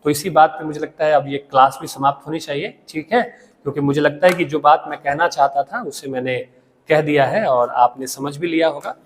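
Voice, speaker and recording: High-voiced male Hindi teacher, reverberant. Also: steady tone. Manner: explains slowly with pauses, often adds "theek hai". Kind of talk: classroom lecture.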